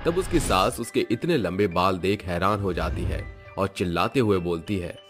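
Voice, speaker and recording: A man narrating a moral fairy tale in a steady, expressive storytelling manner. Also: low-pitched, moderate pace, soft background music.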